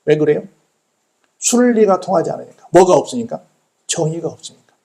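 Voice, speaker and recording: A man's voice: on the high side, very animated, brisk, mellow. A man, a pastor, preaching a sermon, asking rhetorical questions and answering them, repeating phrases for emphasis. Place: church sanctuary.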